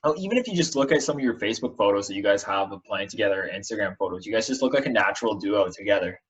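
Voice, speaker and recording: A man's voice: fairly low pitch, animated, racing. A man hosting a casual radio interview, easygoing and agreeable. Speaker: radio host. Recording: dull lo-fi audio.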